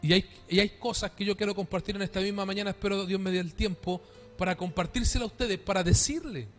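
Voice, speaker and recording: Pastor, male, high-pitched, dynamic preacher asking questions, faint music behind. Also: steady tone, fast. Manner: dynamic preaching, calls for amen, rhetorical questions. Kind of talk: sermon. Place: church.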